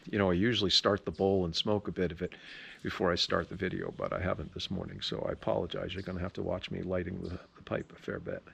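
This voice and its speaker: A man's voice: low-pitched, level tone, fast, gravelly, fairly bright tone, a little hiss or hum. A man chatting casually to camera as a pipe tobacco vlogger, rambling along in an opinionated, folksy way. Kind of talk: casual rambling video chat.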